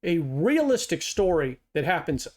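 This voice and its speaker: A middle-aged man hosts a reaction video with a notably high voice. He fires back at clips in a sarcastic, heated tone, mocking as he argues. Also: very animated, normal speed. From United States. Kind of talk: reaction commentary.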